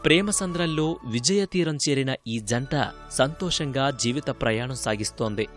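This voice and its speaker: Male feature narrator, mid pitch, formal studio read over soft music. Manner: measured and formal. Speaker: news reporter. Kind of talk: scripted news narration.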